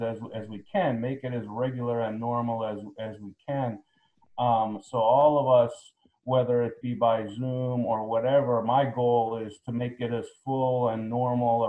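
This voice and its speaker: A man talks to students as an earnest law professor, circling back over his phrasing. His voice is mellow and of middling pitch. The sound is dull and reverberant, as in a boxy room. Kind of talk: informal panel answer to students.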